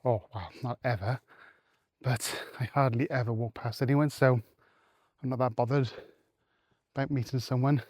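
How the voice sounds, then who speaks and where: A man's voice: medium pitch, fairly even intonation, moderate pace, darkish tone, no room sound, clean studio sound. A married man talking casually to camera while out walking in open fields, rambling with many fillers and restarts, a little out of breath. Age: adult, married. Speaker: vlogger.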